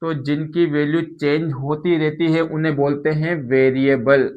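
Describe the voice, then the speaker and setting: A man explains a maths lesson patiently. His voice sits a little higher than most men's. He keeps asking questions and then answers them himself, as if speaking to a class. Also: little pitch movement, normal speed, muffled recording. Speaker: maths teacher.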